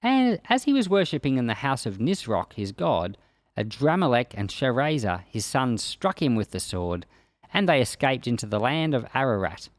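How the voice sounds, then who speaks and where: In a dry recording, a man with a medium-pitched, very animated voice speaks at normal speed. He's a pastor and Bible podcast host, reading scripture aloud before explaining it plainly in informal devotional commentary.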